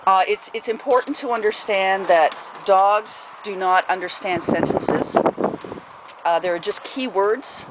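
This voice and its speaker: Unhurried and mid-range in voice, a pet owner offers casual puppy training tips at home amid background noise. Fillers abound, and the speaker keeps stopping to talk to the animals.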